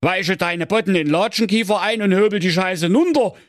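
A man's voice: high voice, animated, moderate pace, no echo, studio quality, pitched above the performer's own voice. A man voicing a grumpy, crude old king in a coarse Saxon accent. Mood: grumbling. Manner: coarse and blustering.

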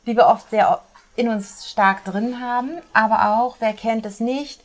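A woman guest in an interview, an author and speaker, explaining her models in a lively way and slipping into little acted quotes. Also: on the high side, a little slow.

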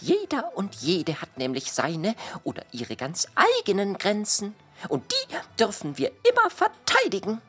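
A woman playing a lively, patient explainer. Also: mid-range voice, measured pace, slightly rough, exaggerated voice. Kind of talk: children's audio drama.

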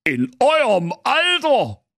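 A high-voiced, grumbling fairy-tale inspector draws out his words slowly with a lively, sing-song lilt, played by a man. The sound is dry and close. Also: dry recording, exaggerated voice. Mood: exasperated. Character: grumpy, emotional male fairy-tale police inspector.

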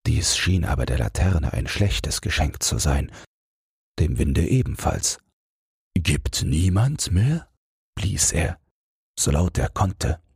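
A man narrating a fairy tale as a calm, soothing bedtime audiobook. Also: extremely low pitch, vocal fry, slightly rough, no room sound, studio quality.

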